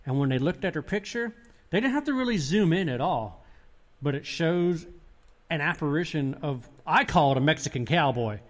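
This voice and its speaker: A man's voice: a little high, normal speed. A man, a paranormal investigator, telling his experiences in a casual podcast interview, rambling with restarts. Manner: rambling, restarts, animated retelling.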